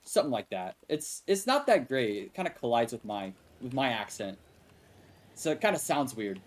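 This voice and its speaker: Young Texan man, game streamer, casual and chatty, very animated intonation. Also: medium pitch, moderate pace. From Texas. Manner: rambling, answers chat, laughs often. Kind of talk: casual live-stream chat.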